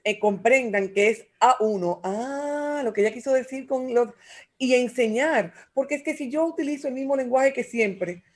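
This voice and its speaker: A woman, talking as a guest expert on communication in an animated, expressive way and acting out quotes. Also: high-pitched, normal speed. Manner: animated, acts out voices and quotes. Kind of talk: radio talk show conversation.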